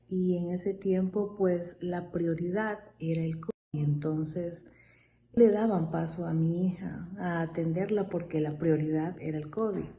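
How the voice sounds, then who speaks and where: A woman in her thirties from Ecuador, giving a quiet, often whispery personal testimony as a mother. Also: on the low side, a little hiss or hum, rough recording. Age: 30s. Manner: slow, soft, often breathy whisper.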